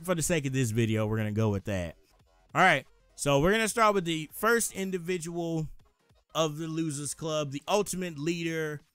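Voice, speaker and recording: A man's voice: fairly high pitch, a bit bright, smooth, dry recording. A man co-hosting a casual movie talk, rambling and correcting himself in an upbeat way. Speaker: co-host.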